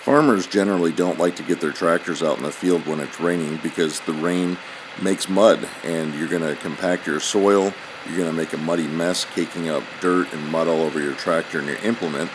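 A man giving steady, explanatory scripted voice-over narration. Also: deep voice, fairly quick, noisy background. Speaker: channel narrator.

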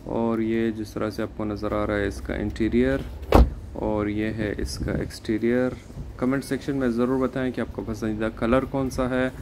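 A man narrating a walkaround video at an outdoor used car auction lot, speaking in a plain, steady, informative way with hesitant fillers. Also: on the low side, normal speed. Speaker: car market vlogger. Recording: outdoor noise behind voice.

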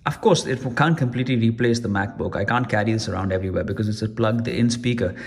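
A man's voice: lowish voice, fast, gravelly. A man giving a casual, rambling product review at home, chatty and full of restarts. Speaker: tech reviewer. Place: room at home.

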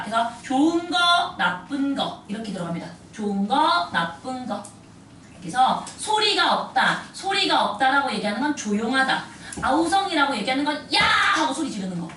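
A high-pitched woman teacher lectures her students in a very animated, swooping voice. She is picked up from a distance in an echoey classroom, with a faint hum of ambient noise under her. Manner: animated, addresses students directly. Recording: echoey room, mic at a distance.

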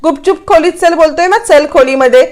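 A whiny young husband who pleads and complains to his mother, as a woman narrator puts him on. He is voiced high, above the narrator's usual pitch, in a storytelling recap. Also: fairly quick, a little mellow. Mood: pleading. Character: young married man, pleading, whiny son.

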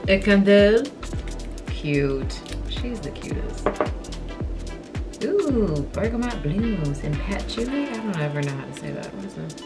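A young woman vlogging at home, talking excitedly to her viewers in a casual, gushing way. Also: mid-range voice, unhurried, long pauses. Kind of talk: casual vlog chat to camera. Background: loud music playing.

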